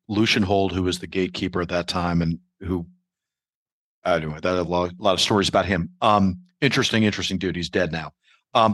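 A man's voice: low voice, a bit bright, dry recording. A man in his forties, a comedian hosting a podcast, telling stories in a laid-back way with many ums and asides. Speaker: podcast host and stand-up comedian. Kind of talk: casual podcast conversation.

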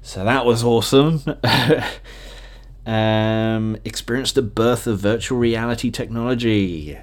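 A young British man rambles casually through his memories as a podcast host, talking solo with easy enthusiasm. His voice is medium-pitched and his pace unhurried.

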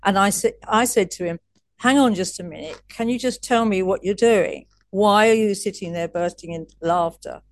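A woman coach, appearing as a guest on an interview, tells stories in a chatty, casual way, often restarting her sentences and laughing. Her voice is medium in pitch and her pace is moderate.

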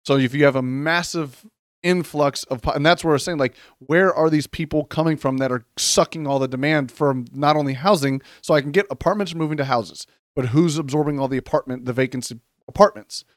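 Curious man questioning out loud. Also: a little high, brisk, dry recording, studio quality. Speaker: co-host. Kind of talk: casual podcast chat.

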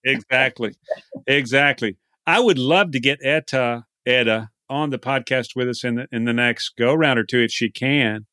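A man's voice: medium pitch, normal speed, sharp tone, no echo, studio quality. A man with a Texan accent hosting a podcast interview, talking in a casual, rambling way with frequent restarts. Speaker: podcast host.

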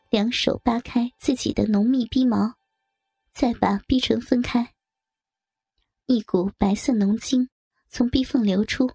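Woman narrator, first-person story reading, gravelly, husky, faint music behind. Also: a little high, darkish tone, no room sound.

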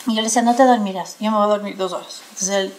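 A middle-aged woman chatting casually on a panel, telling a story in a lively way and often laughing as she talks. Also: mid-range voice, racing, slight background noise. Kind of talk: casual chat.

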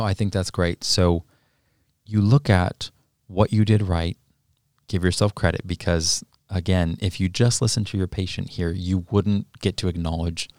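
A man's voice: low voice, darkish tone, dry recording, clean studio sound. A man co-hosting a podcast, talking earnestly and encouragingly in a casual conversation. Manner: earnest, encouraging, thinks aloud with restarts. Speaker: podcast co-host.

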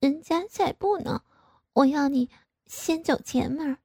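A woman's voice: sits high, unhurried, mellow, dry recording, studio quality, voice pushed up. A woman playing a coy, wheedling young woman. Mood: coy, pouty. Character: young married woman, coy and pouty daughter. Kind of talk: audio story reading.

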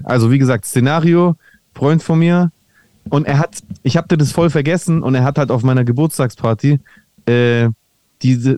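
A man's voice: medium pitch, dark tone, no echo, studio quality. A man chatting casually on a podcast, telling a meandering anecdote with lots of restarts. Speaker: podcast host.

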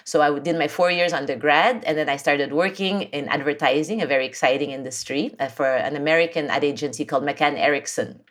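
A woman in her forties with a low voice, a guest on a podcast. She tells her story in a chatty, storytelling way, full of ums and restarts. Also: a little fast, few pauses. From Philippines. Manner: warm, lively storytelling with many fillers and restarts. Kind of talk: casual interview chat.

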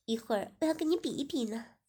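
A woman voicing a bubbly, gossipy young woman who talks with eager excitement. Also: a little high, fast. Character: lively, chatty young woman guest.

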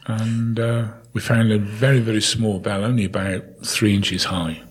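An older English man with a husky voice, telling casual anecdotes in a chatty, jovial way as a podcast guest. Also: on the low side, flat delivery, moderate pace. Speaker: podcast guest, town crier and historical guide.

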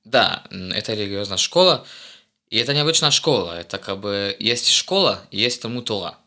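Animated yet halting, a low-voiced, bright-sounding young adult keeps restarting while he searches for the right words. He is from Israel, speaks Hebrew natively, and appears as a guest in a casual chat as the host's eldest son.

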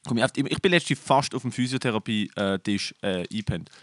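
A man's voice: medium pitch, fairly quick. A young man telling stories in a casual chat, swearing freely and dropping English slang. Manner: animated retelling, swears a lot, mixes in English slang. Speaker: podcast co-host.

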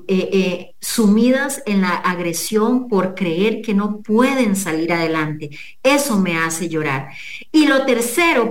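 A middle-aged woman speaks as a coach and businesswoman, earnest and step by step as she counts off her questions. Her voice sits a little high. The room gives it a clear echo. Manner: earnest, teaching with numbered questions. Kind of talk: motivational talk in an interview.

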